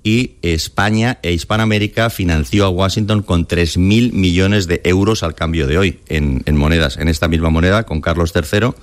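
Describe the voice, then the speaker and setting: A Spanish man with a Castilian accent tells stories colloquially as an interview guest, slipping into imagined quotes. His voice is low, his speed normal, and he pauses little.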